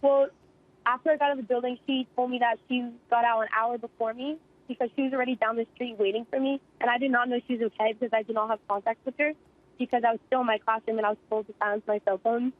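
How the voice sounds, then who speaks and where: A woman's voice: fairly high pitch, steady tone. Shaken teenage girl on a phone line. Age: teens. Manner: rapid, shaken recounting. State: in shock. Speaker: eyewitness student. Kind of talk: phone interview.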